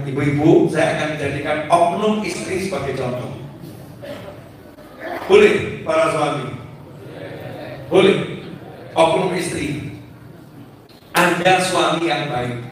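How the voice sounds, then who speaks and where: A man's voice: fairly high pitch, slow pace, pauses often, slight background noise. A man preaching a religious lecture to a live audience, telling stories with acted dialogue and asking the crowd questions, often breaking off and restarting words. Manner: stretches and restarts words mid-syllable. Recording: echoey hall, mic at a distance.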